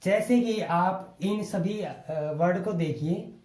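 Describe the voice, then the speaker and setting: A male teacher talks through a lesson at an unhurried, deliberate pace, spelling each word out letter by letter before he says it. He goes over every rule more than once, patiently. The recording has a roomy, echoey sound. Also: high voice, a little mellow. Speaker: English teacher. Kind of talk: explaining a lesson to viewers.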